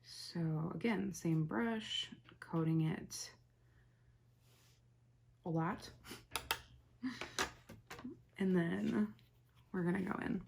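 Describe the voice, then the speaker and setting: A young woman hosting a casual, chatty makeup tutorial, rambling softly as she works and often dropping to a near whisper. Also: fairly low pitch, slow, creaky, long pauses, slight background noise. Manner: rambling, soft-spoken, talks while working, often drops to near whisper.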